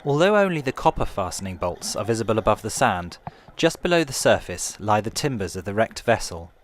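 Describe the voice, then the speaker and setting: Low calm guy doing a museum guide type tour narration, watery noise behind him. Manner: calm, measured, explanatory museum-guide delivery. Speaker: tour guide narrator of a shipwreck dive trail.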